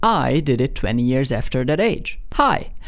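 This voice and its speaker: A man's voice: mid-range voice, big pitch swings, normal speed. A young man in his twenties with a Hungarian accent tells a personal story straight to the camera. His voice swings freely up and down. He is candid and self-mocking, and he often stumbles and restarts his sentences. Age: 20s. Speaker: vlogger.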